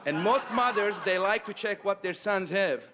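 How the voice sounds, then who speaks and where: A man from Egypt, a game show contestant, answering in an earnest, deliberate way. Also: sits high, crowd noise. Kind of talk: casual on-air chat. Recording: studio audience.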